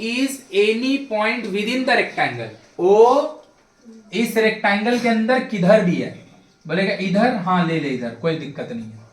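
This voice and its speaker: A man's voice: sits high, distant mic. A man teaching a geometry class, chatty and joking, talking to his students in a familiar way. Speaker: math tutor. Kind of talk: classroom lecture. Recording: echoey classroom, voice off-mic.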